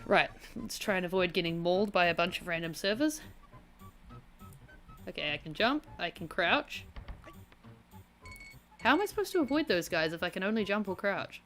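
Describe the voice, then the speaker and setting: A woman's voice: on the low side, animated, normal speed, pauses often, a bit bright, faint music behind. A woman with a broad rural New Zealand accent giving casual gameplay commentary in a rambling, sweary, self-deprecating way. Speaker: gaming video host.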